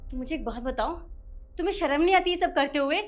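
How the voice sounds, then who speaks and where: A woman playing a scheming wife of the house who scolds and accuses in a sharp, demanding way. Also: high voice, quick pace, close to an everyday voice. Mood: accusing. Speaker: lady of the house.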